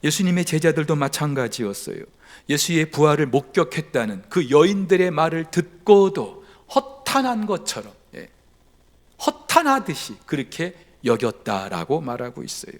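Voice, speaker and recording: Male pastor, Sunday sermon, somewhat high voice, dramatic loud-to-whisper swings, reverberant sanctuary. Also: moderate pace. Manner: animated, swinging from loud emphasis to near whisper. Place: church sanctuary. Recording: reverberant church hall.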